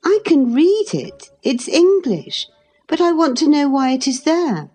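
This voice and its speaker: A spirited, excitable teenage girl, voiced by a woman rises high and shrill above her usual register. She talks eagerly and indignantly, full of youthful certainty. Faint music plays softly behind. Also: measured pace. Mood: puzzled.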